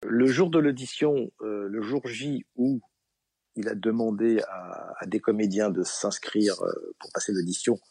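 A middle-aged man, a comedian guest in an interview, telling anecdotes in a relaxed way with many fillers and acted-out dialogue. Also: lowish voice, measured pace, vocal fry, husky. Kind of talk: relaxed storytelling.

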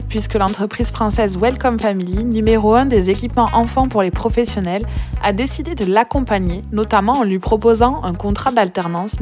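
This podcast host is a French woman whose medium-pitched voice is a little mellow and carries a singsong southern accent. She reads a scripted intro, then moves on to asking interview questions.

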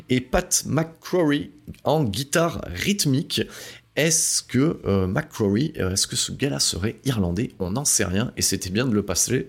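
A man's voice: medium pitch, gravelly. A man hosting a casual music podcast, talking loosely with lots of fillers and asides. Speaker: podcast host.

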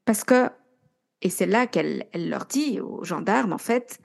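A woman's voice: medium pitch, animated, a little slow, gravelly. A young woman co-hosting a podcast, casually retelling a true-crime story and chatting along with her co-host. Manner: chatty, retells events with quoted dialogue.

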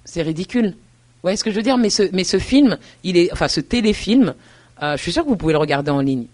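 A woman's voice: on the low side, animated, quick pace, darkish tone. A woman university lecturer answering interview questions earnestly, thinking aloud with hesitations and restarts and often checking that the listener follows.

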